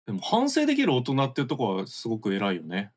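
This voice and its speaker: A man co-hosting a podcast, chatting casually about a film in an animated way. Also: fast. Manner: animated, casual, sweeping pitch swings. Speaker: podcast co-host.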